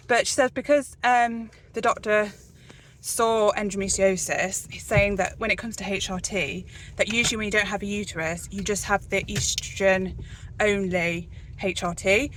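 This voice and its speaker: Brief: woman, casual phone vlog, chatty, easy laughter, mid pitch. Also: a bit bright, a little hiss or hum. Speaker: vlogger. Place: hospital corridors, then a car. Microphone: handheld phone.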